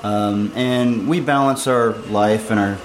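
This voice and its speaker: A middle-aged man with a lowish voice gives casual interview answers. He is understated and often pauses mid-thought. The recording sounds echoey. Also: fairly even intonation, a little hiss or hum. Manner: hesitant, halting, understated. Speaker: amateur triathlete being interviewed.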